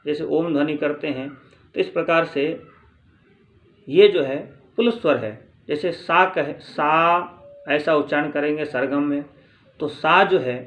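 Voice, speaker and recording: A man teaching grammar, reading from a textbook and explaining slowly, repeating points and answering his own questions. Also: a little high. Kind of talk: spoken lesson reading from a textbook.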